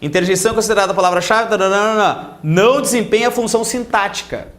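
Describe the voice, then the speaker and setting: A man with a Gaúcho Portuguese accent from southern Brazil, teaching a lively grammar lesson, asking the class questions and mimicking other people's voices. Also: sits high, quick pace, echoey room. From Rio Grande do Sul, Brazil. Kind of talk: lively classroom lecture with anecdotes.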